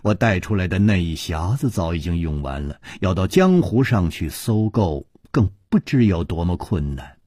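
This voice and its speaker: A sorrowful ailing woman confesses in a hushed, breathy murmur, as a male storyteller puts her on. The voice is low and husky, sometimes nearly whispered. It sounds close and dry. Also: sing-song, a little slow, dry recording, exaggerated voice. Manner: soft, low, breathy and subdued.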